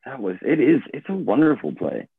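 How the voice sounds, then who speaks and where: A man's voice: medium pitch, huge pitch swings, fairly quick, husky, no echo. A man in his twenties, born in Hong Kong, talking casually as a guest actor, hesitant and thoughtful with many fillers and restarts. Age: 20s. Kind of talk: casual conversation. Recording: tinny phone-like call audio.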